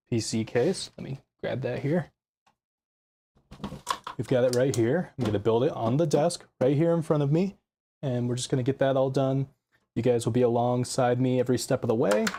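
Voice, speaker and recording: A young man thinks aloud at his home desk during his first live stream, scattered and self-deprecating as he adjusts his audio and begins building a PC. He speaks at medium pitch with a dark tone into a desk mic he tweaks with a live compressor, with a little hiss or hum.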